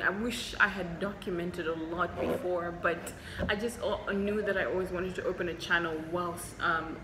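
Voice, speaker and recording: A young Shona-speaking doctor from Zimbabwe answers viewer questions in a casual Q&A vlog, chatty and candid with frequent ums. Her voice is low, and she records indoors in an echoey hospital room with steady background noise.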